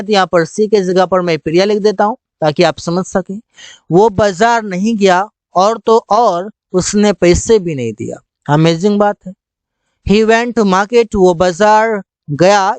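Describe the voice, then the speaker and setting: A man teaching spoken English, explaining in Hindi and reading each English example slowly and deliberately. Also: high-pitched, no echo.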